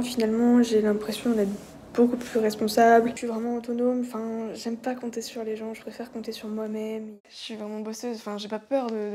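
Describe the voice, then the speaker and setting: Young woman, student, higher-pitched voice, casual candid documentary talk, noisy surroundings. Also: warm tone. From France. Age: young adult. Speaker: student looking for work. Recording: background noise, public bustle.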